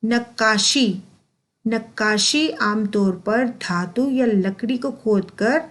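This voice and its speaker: Lady teacher going really slow, repeating every word twice, kinda high voice, fixes how kids say stuff. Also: a bit bright. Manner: repeats each word slowly and deliberately; corrects pronunciation and quizzes the class. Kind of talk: slow pronunciation drill for children.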